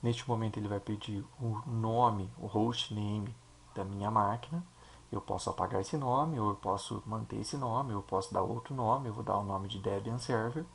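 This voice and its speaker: A man with a Brazilian Portuguese accent, a teacher explaining a software installation step by step and checking in with his listeners. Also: lowish voice, moderate pace, gravelly. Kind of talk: screen-recorded software tutorial.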